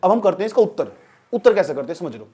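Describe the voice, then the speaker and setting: A man's voice: high voice, big pitch swings, racing, mellow. A man teaching physics to a class in a casual, joking lecture style, often checking whether the students have understood.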